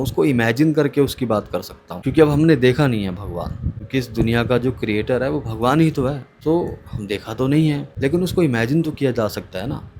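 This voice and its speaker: A man in his thirties speaks in a calm, musing monologue and hosts his own channel. His voice sits at an ordinary middle pitch, and he mixes English phrases into a relaxed conversational flow. A faint hiss of background noise lies under the recording. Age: 30s. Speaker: channel host. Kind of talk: reflective monologue.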